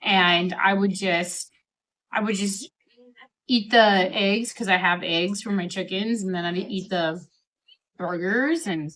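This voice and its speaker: A woman's voice: mid-range voice, slow, a bit bright. A middle-aged woman chats casually to camera while eating a steak dinner, rambling along and often quoting herself as she goes. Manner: chatty, rambling, self-quoting. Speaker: vlogger.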